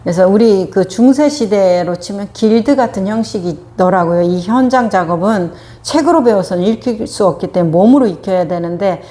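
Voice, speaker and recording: A woman meditation teacher giving a casual dharma talk, telling an everyday story in a conversational way with frequent pauses and hesitations. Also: mid-range voice, dark tone.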